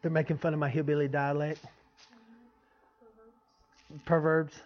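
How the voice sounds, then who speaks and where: A man's voice: sits high, moderate pace. A man giving an informal, folksy teaching sermon as a preacher, often checking in with his listeners. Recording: dull, lo-fi sound.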